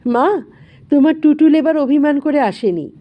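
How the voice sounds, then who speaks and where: A woman's voice: high voice, animated, normal speed, highs cut off. A woman voicing a doting, touchy elder daughter who speaks in a pleading, reproachful way.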